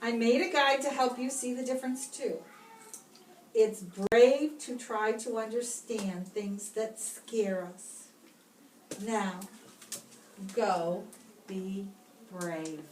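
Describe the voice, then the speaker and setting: Her voice is fairly high as she reads a picture book to young children in a teacher's manner, with deliberate, expressive phrasing and pauses for them. Captured at a distance in a room, the recording sounds roomy, and background noise is clearly present.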